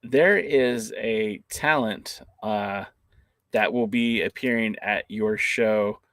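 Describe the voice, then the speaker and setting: A man's voice: lowish voice, slow, fairly bright tone, dry recording. A man hosting a casual interview, asking friendly questions.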